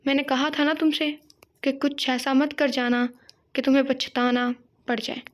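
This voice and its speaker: A woman's voice: sits high, level tone, normal speed, close to an everyday voice. A woman voicing a sorrowful mother who speaks in a heavy, admonishing tone to her grown son. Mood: mournful reproach.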